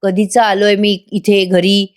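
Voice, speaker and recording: A woman's voice: medium pitch, flat delivery, slow pace, clean tone, close to an everyday voice. Woman reading a bullying drunk husband. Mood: bossy. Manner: bossy, threatening.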